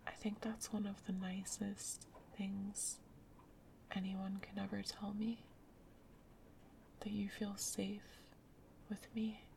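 A woman whispering softly in a gentle, soothing ASMR roleplay as a caring girlfriend. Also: medium pitch, completely flat delivery, slow pace, creaky, pauses often, a little hiss or hum, rough recording. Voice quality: soft whispery. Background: rain sounds.

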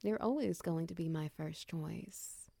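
A woman in a close-mic comfort roleplay, speaking softly and soothingly to a partner, slipping into whispers and guiding slow breathing counts. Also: lowish voice, creaky, dry recording. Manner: soft, soothing, slips into whispers.

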